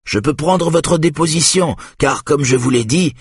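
A man reading an audiobook, voicing a confident male police officer who speaks calmly and dryly, with a husky voice. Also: a little high, unhurried, no echo, clean studio sound, pitched above the performer's own voice.

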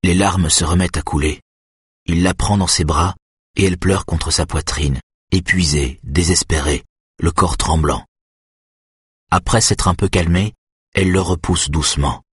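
A man reading a suspense novel aloud in measured, even narration. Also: low-pitched, slightly rough, dry recording, clean studio sound. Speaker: audiobook narrator. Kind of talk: scripted narration.

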